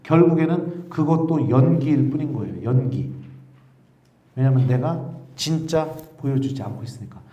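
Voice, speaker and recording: A man's voice: medium pitch, moderate pace, muffled recording. A middle-aged male priest preaches in a casual, storytelling way, now and then acting out voices. He sounds a little distant from the mic, and the room gives an echo. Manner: animated storyteller, acts out shouted quotes. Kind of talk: sermon with a personal story.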